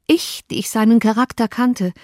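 A woman's voice: mid-range voice, normal speed, warm tone, dry recording, clean studio sound, lightly acted. A woman reading an audiobook, voicing a distraught, tearful young woman with a raised, pleading voice. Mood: anguished.

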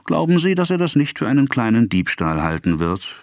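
A man's voice: mid-range voice, big pitch swings, fairly quick, no room sound, studio quality, voice pushed up. A man reading the part of a scheming, mocking merchant who pressures a debtor. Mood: sneering. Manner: sneering, mocking. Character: scheming mocking male merchant, cold and sneering.

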